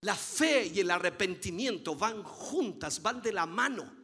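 A man's voice: sits high, lively intonation, a little slow, bright, forceful tone, slightly rough. A man preaching a sermon with fervent, emphatic delivery, building repeated phrases and calling listeners dear brother. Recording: long hall reverb.

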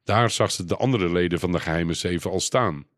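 Low-voiced male storybook narrator. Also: fairly quick, dry recording, clean studio sound.

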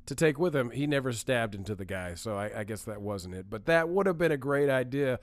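A man's voice: medium pitch, animated, a little fast, dry recording. A man with a mid-range voice talks casually as a podcast co-host. He is enthusiastic and laughs easily. The recording is dry and close. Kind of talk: casual chat.

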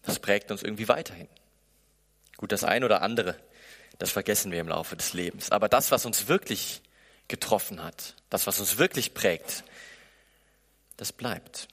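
A man's voice: lowish voice, moderate pace, vocal fry, pauses often, fairly bright tone, breathy edge. A man preaching a sermon in German in a conversational way, often slipping into the inner voices of the people he describes. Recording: echoey hall with long reverb.

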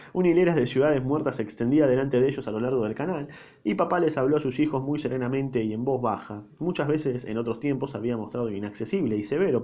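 A man's voice: medium pitch, a little mellow. Rioplatense man reading a book aloud. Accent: Rioplatense Spanish. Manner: informal slangy asides.

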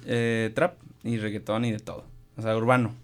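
A man's voice: on the low side, flat delivery, moderate pace, a crowd in the background. A young man, chatting as a guest on a radio show, rambling with many fillers and restarts. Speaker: musician guest. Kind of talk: casual interview chat.

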